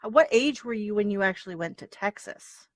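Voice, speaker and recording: A woman hosting an interview show, effusive and animated, often laughing. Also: medium pitch, normal speed, no room sound. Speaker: host. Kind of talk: casual interview chat.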